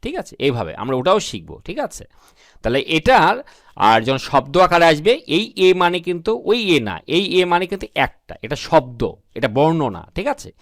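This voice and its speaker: A man teaching English grammar to beginners, asking questions and answering them himself, reading example sentences slowly. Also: fairly high pitch, big pitch swings, fairly bright tone, no room sound, clean studio sound. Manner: addresses viewers as friends.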